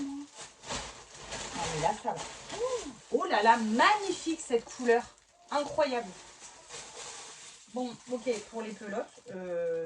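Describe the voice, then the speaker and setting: A woman in her thirties chatting casually as she unboxes a haul for her family vlog, exclaiming and restarting often. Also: mid-range voice. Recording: mic at a distance with clear background noise.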